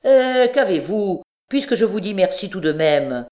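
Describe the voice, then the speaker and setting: A woman voicing an insolent male beggar who talks in a cheeky, sneering and loud way in an audiobook. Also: sits low, lively intonation, moderate pace. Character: insolent older male beggar, brazen and mocking.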